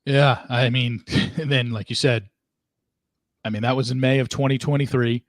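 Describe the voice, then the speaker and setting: A man's voice: medium pitch, steady tone, normal speed, no echo, clean studio sound. A man hosting a podcast interview, emphatically recapping events for his guest and voicing disbelief. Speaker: podcast host.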